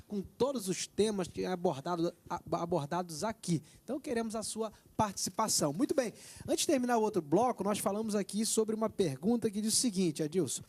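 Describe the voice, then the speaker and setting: Husky high-voiced male TV host. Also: darkish tone. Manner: chatty, promotional, jokes lightly. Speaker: TV show host. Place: TV studio.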